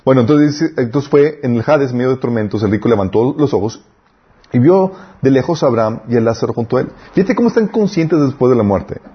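Husky man teaching an informal Bible class. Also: mid-range voice, animated, fairly quick, dull audio. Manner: conversational, asks the class for confirmation.

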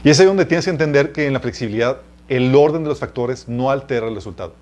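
A man's voice: medium pitch, fast talker, a little mellow. Chatty Mexican man preaching. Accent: Mexican Spanish. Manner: chatty, addresses listeners as "chicos", asks them questions; laughs at his own stories. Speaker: preacher teaching a church series. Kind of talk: conversational teaching sermon with personal stories.

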